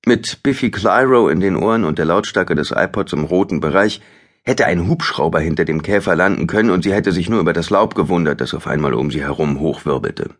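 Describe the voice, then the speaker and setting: Deep, husky male audiobook narrator. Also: fairly quick. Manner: expressive, dramatic reading. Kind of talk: scripted thriller narration.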